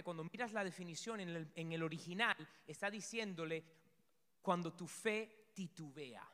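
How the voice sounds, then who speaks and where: Animated high-voiced man preaching in a reverberant hall. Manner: animated, acts out story scenes and shouts. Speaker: pastor. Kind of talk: sermon.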